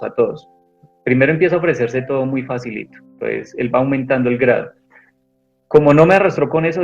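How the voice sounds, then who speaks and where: Earnest man telling his story. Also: medium pitch. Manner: earnest, rambling, with many restarts. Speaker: guest giving a testimony. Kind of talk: personal testimony in an interview. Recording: dull lo-fi sound with faint music.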